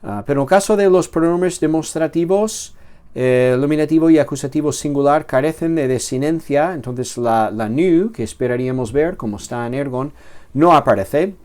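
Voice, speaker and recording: A male teacher explains grammar in a slow, patient way, with fillers and restarts. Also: fairly high pitch, a little mellow. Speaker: Greek teacher. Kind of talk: recorded grammar lesson.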